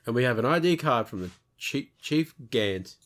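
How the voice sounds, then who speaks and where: A man co-commentating a let's play, making slow joking asides. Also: mid-range voice, animated, fairly bright tone, slight background noise. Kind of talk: casual gaming commentary. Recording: game music behind the voice.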